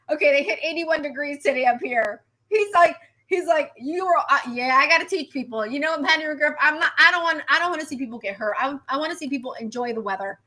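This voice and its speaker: Animated woman meteorologist on a livestream. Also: high-pitched, fairly quick. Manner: animated, repetitive, chatty; reacts to viewer comments. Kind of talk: live weather livestream commentary.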